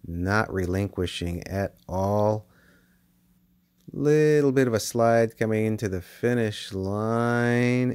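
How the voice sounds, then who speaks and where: Low-voiced man calling toy car races. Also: clear, resonant tone, no room sound. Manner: excitable play-by-play calling. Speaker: race commentator and channel host. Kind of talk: race commentary. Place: basement with toy race track.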